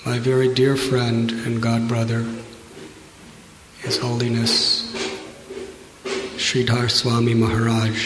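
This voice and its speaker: A man giving a devotional address as a visiting preacher, speaking solemnly in short, measured phrases left open for an interpreter. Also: medium pitch. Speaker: visiting Hare Krishna preacher. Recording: echoey reverberant hall, noisy.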